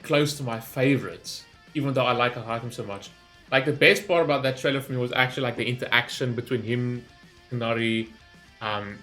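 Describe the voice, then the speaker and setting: Hosting a gaming reaction video, a man rambles through his commentary, talking informally and thinking out loud. He has a medium-pitched voice with a fairly bright tone.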